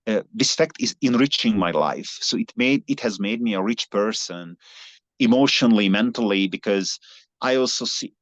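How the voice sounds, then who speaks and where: Earnest Hungarian man, low voice. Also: expressive, moderate pace, dry recording. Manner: earnest, many restarts and fillers. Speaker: guest, long-distance cyclist. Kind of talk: conversational interview. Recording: slightly dull lo-fi sound.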